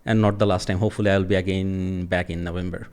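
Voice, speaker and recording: Low, smooth-voiced Bangladeshi man in his forties. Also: flat delivery, quick pace, a little mellow. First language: Bengali. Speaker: podcast guest, agile coach. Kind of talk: casual interview conversation.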